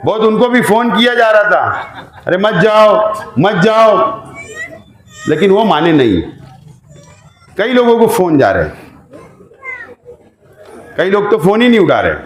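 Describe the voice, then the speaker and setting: A man with a Maharashtrian Hindi-Urdu accent, an election candidate giving an exhorting campaign speech that rises to shouts. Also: sits high, big pitch swings, a little slow, long pauses. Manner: exhorting, emphatic, rising to shouts. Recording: echoey room sound.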